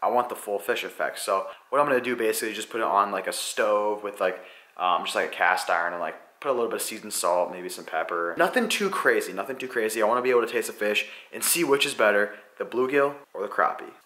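A man's voice: on the low side, fast, pushed and bright. A young man chatting casually in a fishing vlog, filler-heavy, filmed on a handheld camera at arm's length. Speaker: fishing vlogger. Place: garage, then an apartment kitchen and living room. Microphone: handheld wide-angle camera at arm's length.

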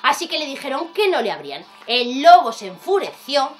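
Woman storyteller, very high lively voice for kids, faint music behind. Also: fairly quick. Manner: animated, playful, with sudden speed-ups. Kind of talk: children's storytelling.

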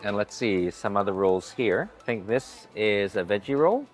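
A man's voice on the low side, with lively intonation and a moderate pace, carries this upbeat hotel buffet vlog. The forties-aged food vlogger chats casually and greets staff warmly, while soft music plays underneath.

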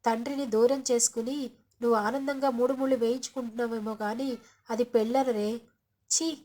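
A contemptuous old grandmother speaks slowly, full of scorn, as a woman narrator plays her. The voice is fairly high. Told as a storybook retelling. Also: steady tone, warm tone, natural voice. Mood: scornful.

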